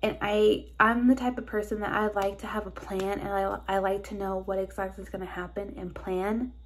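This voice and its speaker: Young woman vlogging on her phone, all stuffed up and nasal, kinda breathy, nervous and rambly. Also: medium pitch, flat delivery, moderate pace. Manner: anxious, rambling with many "like"s. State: stuffed-up nose. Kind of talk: casual personal vlog. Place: car and hospital hallways, on the move.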